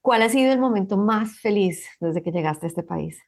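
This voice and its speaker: A woman's voice: medium pitch, animated, normal speed, darkish tone. A woman hosting a podcast interview, asking questions and giving attentive, encouraging replies. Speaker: podcast host. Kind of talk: interview conversation.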